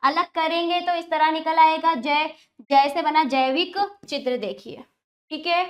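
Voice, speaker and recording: A woman teaches children in a very high voice. She goes slowly and carefully, repeating each sound so they can follow. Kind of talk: children's grammar lesson.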